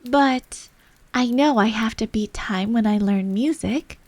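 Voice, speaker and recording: A woman's voice: a little high, takes it slowly, a little mellow, no echo. A woman voicing a polite, earnest, curious young girl in a storybook.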